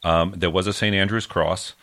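A man with a very low, deep voice talks casually as a podcast co-host. He rambles, searches for words and trails off often, filling gaps with ums and uhs. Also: fairly even intonation, moderate pace, a bit bright. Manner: rambling, trails off with many fillers. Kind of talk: casual chat.

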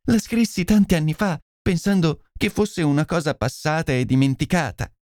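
A man's voice: on the high side, expressive, normal speed, a little mellow, dry recording, clean studio sound, pitched above the performer's own voice, lightly acted. A man voicing a pleading, tearful noblewoman. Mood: anguished confession. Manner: pleading, breathless, imploring. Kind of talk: audiobook character voice.

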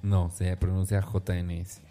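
A man's voice: sits low, completely flat delivery, measured pace, warm tone. A man trades banter as co-host of a gossip show. He reads tabloid headlines aloud in an easy, chatty way, with faint music playing behind him. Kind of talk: casual gossip chat.

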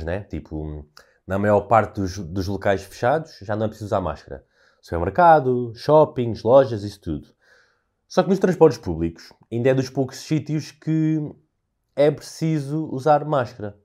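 Mellow-voiced young Portuguese podcaster ranting. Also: male voice, mid-range voice, normal speed. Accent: European Portuguese. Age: young adult. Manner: animated storyteller, ranting, swears freely. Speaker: podcast host. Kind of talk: casual solo podcast monologue.

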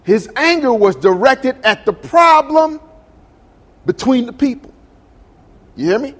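A man's voice: very high voice, lively intonation, a little slow, fairly bright tone, big-room sound. A male pastor preaching a sermon in a call-and-response style, asking his congregation questions. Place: church sanctuary.

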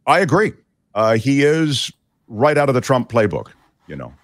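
A man's voice: mid-range voice, sing-song, moderate pace, no room sound. A man hosting a talk show, giving chatty, digressive political commentary with many fillers.

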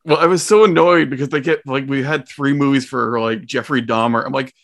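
A man's voice: mid-range voice, steady tone, a little fast, gravelly, fairly bright tone. A man co-hosting a podcast who talks casually and hesitantly, with many fillers. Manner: hesitant, many ums and likes. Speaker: podcast co-host. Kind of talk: casual interview chat.

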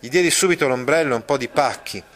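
Man, literature teacher, reads aloud then explains, hesitant fillers, mid-pitched voice. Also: fairly bright tone. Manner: hesitant, many drawn-out fillers; explains patiently, checks in with listeners. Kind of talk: lesson mixing reading aloud and explanation.

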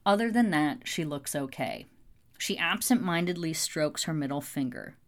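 Low-voiced woman narrating an audiobook. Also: animated, normal speed. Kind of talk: scripted narration.

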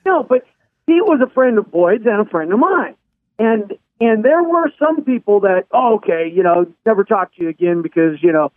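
A man hosting a radio show, telling stories in a relaxed, casual way. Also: high-pitched, moderate pace, no room sound. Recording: phone-like radio sound.

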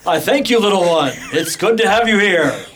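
A man voicing a booming heroic male orc warrior with cheesy superhero bravado. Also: lively intonation, normal speed, a bit bright, slight background noise, rough recording. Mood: grandly welcoming.

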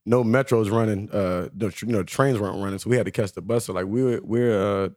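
A man's voice: on the low side, fairly quick, darkish tone, no echo, clean studio sound. A man on a podcast telling a street story casually, with many fillers and restarts. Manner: rambling, full of fillers and restarts. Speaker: podcast guest.

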